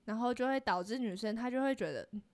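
Higher-voiced young Taiwanese-accented woman. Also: fast. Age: young adult. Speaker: podcast co-host. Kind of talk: casual chat.

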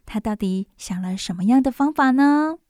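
A woman radio host reading a bedtime story for children, expressive, with asides to listeners. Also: a little high, normal speed. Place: radio studio.

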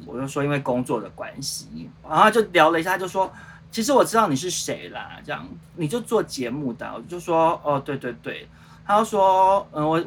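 Man, 30s, Taiwanese Mandarin accent, casual storytelling, animated, rambling, slightly high voice, faint background noise. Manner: animated, re-enacts dialogue, rambling with many fillers. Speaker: show producer and host.

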